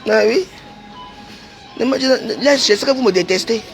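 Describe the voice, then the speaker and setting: A woman's voice: a little high, moderate pace, faint music behind. A woman delivering a confrontational livestream rant, scolding people directly. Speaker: online commentator.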